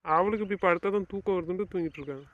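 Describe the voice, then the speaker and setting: Brief: man as a stern young husband, quick clipped orders, muffled lo-fi audio. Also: sits high, a bit bright, dry recording. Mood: alarmed. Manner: brisk, bossy, gives orders. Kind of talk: family web-series drama acting.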